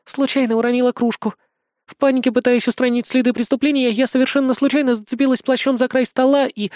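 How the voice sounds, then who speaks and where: A reader voicing a haughty, tiny female pop idol who holds a general's rank, indignant and quick to snap. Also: high-pitched, steady tone, darkish tone, no echo, clean studio sound, pitched above the performer's own voice, natural voice. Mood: embarrassed. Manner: snappy, indignant, easily irritated. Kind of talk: audiobook character voice.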